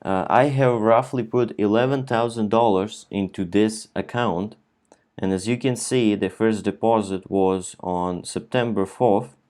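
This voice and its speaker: Low-voiced young man talking through his investment plan. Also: fairly even intonation, a little slow, a little mellow. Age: 20s. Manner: thinking aloud with frequent fillers and restarts. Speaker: finance channel host. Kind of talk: casual explainer over a screen share.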